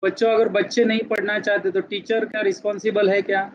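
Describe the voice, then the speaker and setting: A man's voice: high-pitched, little pitch movement, fast talker, highs cut off. A male teacher giving a classroom lecture, switching between Hindi and English and often asking the students questions.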